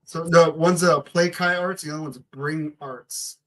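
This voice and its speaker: A man's voice: on the high side, fairly even intonation, a little slow, fairly bright tone, rough recording. A man co-hosting a podcast, chatting casually and a little unsure of the details. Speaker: podcast co-host. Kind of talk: casual chat.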